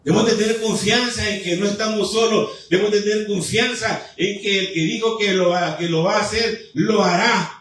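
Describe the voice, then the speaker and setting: A man preaching a fervent sermon as pastor, with pauses and repeated appeals to the congregation. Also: high voice, steady tone, fairly bright tone. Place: church sanctuary. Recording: echoey church hall, mic at a distance.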